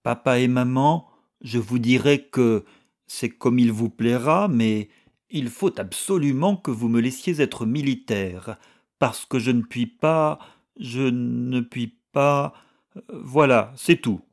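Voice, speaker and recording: A man voicing a timid young son who begs to become a soldier, in an audiobook reading, with halting, pleading speech. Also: medium pitch.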